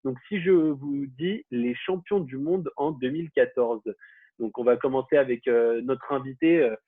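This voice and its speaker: A man's voice: mid-range voice, normal speed. A man hosting a casual football quiz, talking with many fillers and restarts. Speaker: quiz host. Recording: phone-like, husky, dry.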